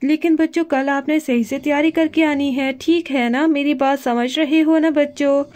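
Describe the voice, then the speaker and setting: A woman's voice: high-pitched, fairly even intonation, normal speed, darkish tone, natural voice. A woman voicing a strict female schoolteacher doll in a doll play story, bossy and hurrying the class along. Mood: stern.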